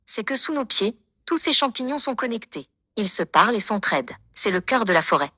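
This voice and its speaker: A kindly old storybook beetle voiced by a woman reassures in a bright, dry-sounding voice. The delivery is gentle, as if reading to a toddler. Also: a little high, very animated, brisk, dry recording, heavily acted. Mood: confiding. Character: kindly old male beetle guiding a young explorer. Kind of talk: children's storybook character reading.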